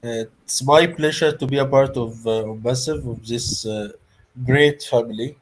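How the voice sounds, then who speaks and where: A business development consultant introducing himself on a video call, apologetic at first and full of uhs. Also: male voice, mid-range voice, normal speed, slight background noise, poor audio.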